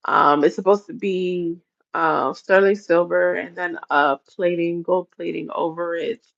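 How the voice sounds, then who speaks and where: A woman's voice: on the low side, steady tone, measured pace, vocal fry, muffled recording. A woman chatting casually on a livestream, rambling and often laughing as she talks. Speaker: livestream host.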